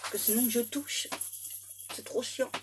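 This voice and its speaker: A woman's voice: on the high side, unhurried, music in the background. A woman tarot medium giving a casual reading, playful and slangy, with joking asides to her spirit guides.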